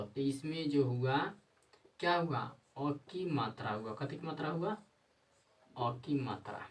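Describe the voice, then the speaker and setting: A man with a slightly high voice teaches grammar, repeating himself, answering his own questions, and at times dictating slowly word by word. He's recorded from a distance, and the audio quality is poor.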